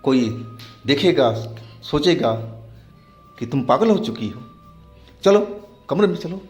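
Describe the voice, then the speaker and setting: A man putting on a shrill, scolding mother. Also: lively intonation, slow, a little mellow, soft background music. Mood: angry. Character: angry middle-aged mother scolding her daughter.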